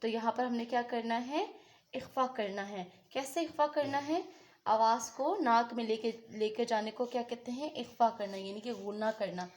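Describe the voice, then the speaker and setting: A woman's voice: a little high, moderate pace, reverberant. A woman teaching Quran recitation rules in an online lesson. She talks patiently, asks a question and then answers it herself.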